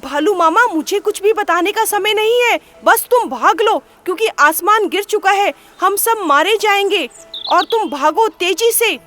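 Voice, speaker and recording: Woman putting on a panicky little rabbit, shrill and high, frantic shouting, storybook voice. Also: lively intonation, slow, exaggerated voice. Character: panicky male rabbit, jumpy and alarmist. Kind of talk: storybook character voice.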